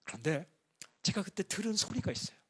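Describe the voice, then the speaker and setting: A middle-aged pastor with a fairly high voice gives a sermon in an easygoing, anecdotal manner. He moves from calm, chatty storytelling to sudden excited outbursts. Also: brisk, husky. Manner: conversational storytelling, bursts into excited singing and shouting.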